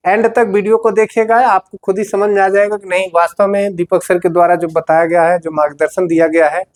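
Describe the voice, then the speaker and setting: A man's voice: high-pitched, level tone, a little fast. A male teacher giving a board-exam grammar lesson, explaining patiently, repeating key words and speaking straight to his students.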